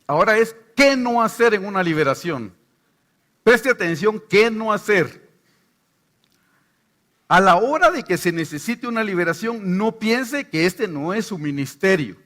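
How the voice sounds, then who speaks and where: A man's voice: sits high, moderate pace, hardly any pauses. A middle-aged man from Guatemala, a pastor with a Guatemalan Spanish accent, preaching a sermon and telling stories while acting out the voices of the people in them. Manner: animated storytelling, acts out voices.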